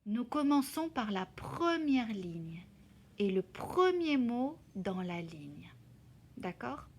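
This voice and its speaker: A woman teacher explaining a reading exercise to children slowly and carefully, sounding out syllables. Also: a little high, sing-song. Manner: slow, careful, spelling out syllables. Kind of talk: slow classroom explanation in two languages.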